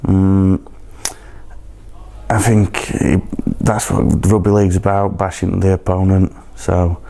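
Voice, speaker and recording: A man's voice: deep voice, steady tone, slow pace, gravelly, mellow. A man, a rugby league player giving brief, hesitant answers in an informal profile interview.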